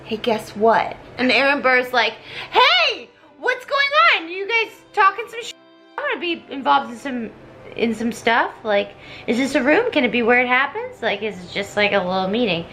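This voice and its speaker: Over soft background music, a storyteller with a slightly high voice rambles drunkenly through a funny retelling at a moderate pace. Animated and tipsy, she voices each character in slangy, casual dialogue.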